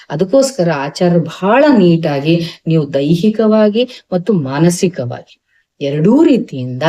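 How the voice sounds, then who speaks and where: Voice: mid-range voice, warm tone. An Ayurvedic doctor with a North Karnataka Kannada accent gives a health talk to camera. The doctor speaks emphatically, asks rhetorical questions and mixes in English medical terms.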